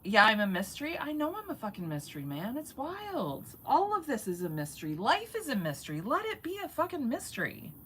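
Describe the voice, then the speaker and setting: A woman's voice: on the high side, huge pitch swings, a little fast, hardly any pauses, fairly bright tone, husky, rough recording. A woman in her forties talking in a rambling, chatty live-stream monologue, swearing casually and laughing often. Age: 40s. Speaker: vlogger.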